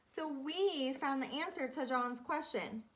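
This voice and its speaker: A woman plays an elementary teacher doing an interactive read-aloud for young children, speaking deliberately and instructively and repeating key phrases and questions. Her voice is high-pitched and a bit bright.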